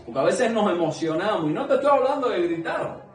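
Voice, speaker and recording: A man's voice: high-pitched, sing-song, fairly quick. A man preaching a sermon to a small congregation, earnest and conversational, asking many rhetorical questions. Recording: echoey room, mic at a distance.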